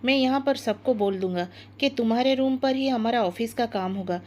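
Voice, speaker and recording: A woman's voice: on the high side, moderate pace, a little mellow, slight background noise, lightly acted. A woman voicing a commanding, rich young male businessman in a storybook narration, giving firm orders. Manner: firm, decisive.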